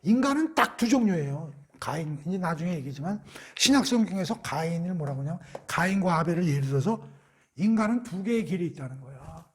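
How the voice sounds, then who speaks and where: A man's voice: on the high side, expressive, brisk, breathy edge. A man giving a Bible study lecture, asking rhetorical questions and answering them himself in a conversational way. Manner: conversational, acts out quotes.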